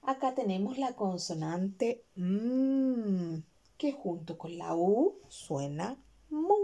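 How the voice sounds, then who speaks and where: Slow, mellow-voiced kindergarten teacher. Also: female voice, mid-range voice, gravelly. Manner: slow, drawn-out sounding of syllables, coaxing questions to children. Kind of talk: video lesson for young children.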